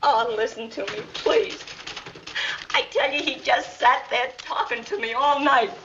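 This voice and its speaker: Brassy wounded american gal, worked up, high piercing voice, 1940s film audio. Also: female voice, brisk, bright, forceful tone. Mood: distraught, pleading. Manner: agitated, pleading, tough-talking. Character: brassy, indignant, wounded working-class young woman. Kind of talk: 1940s film melodramatic acting. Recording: muffled, noisy 1940 film soundtrack.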